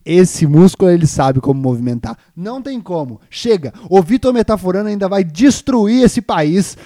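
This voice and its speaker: A man's voice: high-pitched, lively intonation, normal speed, dry recording, clean studio sound. A young man hosting a podcast, ranting in a comedic, exaggerated, mock-outraged way. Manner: exaggerated, mock-outraged, shifts between loud and mumbled. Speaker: podcast host. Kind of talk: comedic rant on a live stream.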